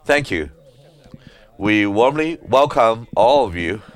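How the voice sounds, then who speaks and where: Low voiced guy giving a slow sermon at a conference, lots of uhs, voice rises and falls a lot. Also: expressive. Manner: halting, with frequent "uh" fillers. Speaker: conference speaker. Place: conference center meeting hall.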